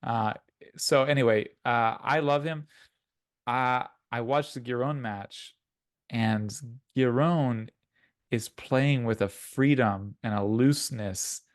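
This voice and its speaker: A man's voice: medium pitch, slow pace, no echo. Guy rambling on a podcast, lots of likes and restarts, dry close sound. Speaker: podcast co-host. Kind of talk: casual chat.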